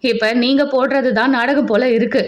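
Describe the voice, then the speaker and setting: A woman's voice: on the high side, fairly even intonation, normal speed, close to an everyday voice. A woman voicing a pregnant young wife in an audio novel, who snaps back sharply and stubbornly. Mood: angry. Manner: sharp and snapping. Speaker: nurse. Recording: dull lo-fi recording.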